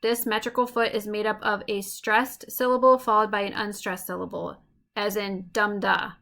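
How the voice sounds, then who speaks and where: Bright, slightly gravelly woman teacher. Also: mid-range voice, steady tone. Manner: clear explanatory delivery, slows to tap out rhythms. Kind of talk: recorded online lesson.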